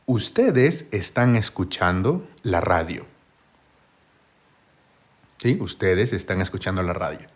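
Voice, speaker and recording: A husky, lower-pitched man giving a live grammar lesson. He walks through each step by posing questions to his viewers and answering them himself, with a lively, rising and falling delivery. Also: takes it slowly, long pauses. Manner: patient, step-by-step explaining. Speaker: English teacher.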